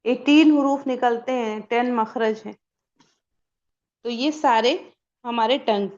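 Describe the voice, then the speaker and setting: A woman's voice: fairly high pitch, takes it slowly, darkish tone, highs cut off. A woman teaching a Quran pronunciation lesson step by step, asking and answering her own questions and stretching out sample sounds.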